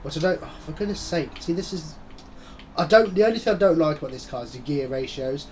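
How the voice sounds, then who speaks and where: A gaming channel host, a man with a slightly high voice, talks quickly while playing a racing game, with a faint hiss or hum underneath. His commentary is casual and rambling, full of chatty muttered asides. A head cold has blocked his nose, so he breathes through his mouth.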